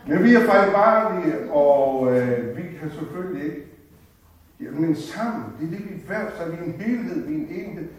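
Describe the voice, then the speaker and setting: A man's voice: fairly high pitch, dark tone, far from the mic. An older man from West Jutland giving an earnest, heartfelt personal faith talk in a church, wandering and restarting as he goes. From West Jutland, Denmark. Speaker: lay speaker at a church gathering. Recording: very echoey church, voice from afar.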